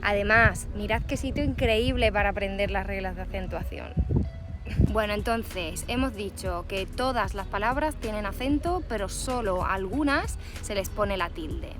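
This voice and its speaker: A young woman teaching an online language lesson, stressing syllables clearly and emphatically. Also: mid-range voice, normal speed. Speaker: Spanish teacher. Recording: loud background music.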